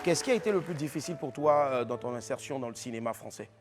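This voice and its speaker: A man's voice: mid-range voice, animated, quick pace, over a noisy crowd. A man hosting a TV interview, asking questions with many short "mhm" and "ouais" replies. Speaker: TV host. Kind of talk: casual TV interview. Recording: background music under the talk.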